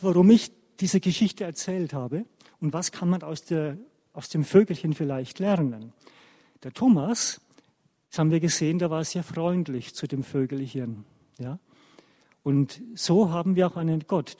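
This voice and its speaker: A man tells a story to children in church. He is animated and keeps checking in with his young listeners. His voice sits fairly high but mellow, with a long reverb trailing off the church walls.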